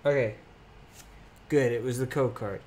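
A man's voice: mid-range voice, unhurried, a little mellow. A young man streaming live, reading card names aloud as he opens packs and chatting casually with his viewers.

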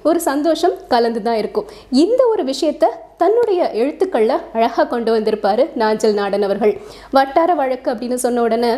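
Female narrator, fairly high, mellow voice, relaxed explanatory storytelling. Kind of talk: narrating a short story with introduction.

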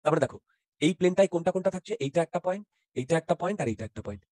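A man's voice: high voice, animated, rapid-fire, a little mellow, no echo, studio quality. A man teaching physics in an interactive online class, often checking whether students follow and mixing in English terms.

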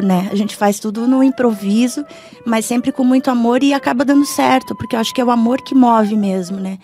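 In a small foam-padded radio studio, with faint background music, a middle-aged woman speaks into a studio microphone as an interview guest. She talks informally with a Brazilian accent, often adding tag questions, and her voice is medium in pitch with a darkish tone.

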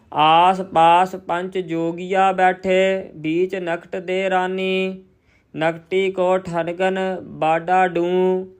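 Slow, smooth-voiced man reciting scripture. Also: sits high. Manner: chants verses slowly and evenly, then explains pronunciation briskly.

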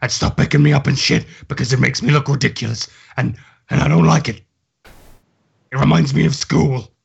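Man doing a gruff voice-changer hero. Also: steady tone, fairly quick, muffled recording, full character voice. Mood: scolding. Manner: scolding, lecturing. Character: stern masked male hero speaking through a voice changer. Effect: voice changer, lowered voice. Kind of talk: in-character tabletop roleplay.

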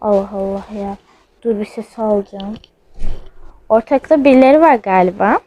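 A woman's voice: mid-range voice, moderate pace, lo-fi sound. A young woman vlogging at home with her phone while she plays a ghost-hunting app, jumpy and nervous, saying again and again that she is scared. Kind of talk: casual vlog, playing a ghost-hunting app. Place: at home, in a house.

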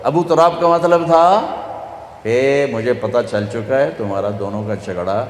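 Punjabi-accented preacher in an echoey hall. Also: male voice, mid-range voice, darkish tone, slight background noise. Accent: Pakistani Punjabi. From Pakistan. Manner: storytelling, acts out dialogue, switches into Punjabi for punchlines. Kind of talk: sermon. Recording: echoey hall, faint ambience.

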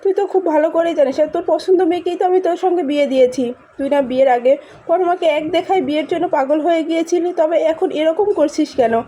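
A woman's voice: very high voice, steady tone, quick pace, warm tone, a little hiss or hum. A woman voicing a commanding mother who lectures her son, in a spoken drama recap. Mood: stern. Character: stern domineering mother.

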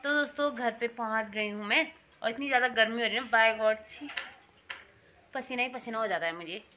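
A woman's voice: fairly high pitch, brisk, pushed and bright. A woman, chatting and complaining to her viewers in a casual vlog. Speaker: vlogger. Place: outdoors in a market and streets. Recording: noisy street background.

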